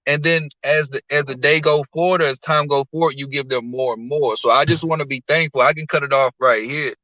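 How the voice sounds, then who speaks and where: Guy with a bright tense voice laying out his theories slow and sure, dull lo-fi audio. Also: a little high, fairly even intonation, dry recording. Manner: preachy, explains slowly and firmly. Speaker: guest. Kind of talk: casual live-stream talk.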